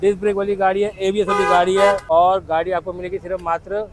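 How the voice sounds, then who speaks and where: A man giving an on-camera sales pitch as a used-bike dealer, reeling off prices in a salesman's patter. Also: level tone, fast talker. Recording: clear outdoor street and traffic noise.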